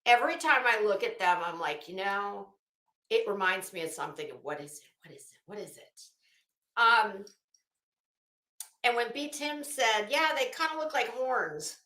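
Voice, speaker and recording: With a medium-pitched voice that is bright and forceful, a woman runs a casual livestream at a moderate, animated pace. Her talk rambles and stops short as she gropes for words, and her storytelling is dramatic and emphatic, heard in an echoing, roomy space.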